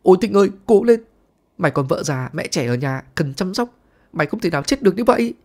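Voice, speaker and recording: A man performs a young man putting on a show of grief in a spoken story. The sobbing is exaggerated, and the voice is pitched high and wailing. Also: animated, fast talker, a little mellow. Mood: mock crying.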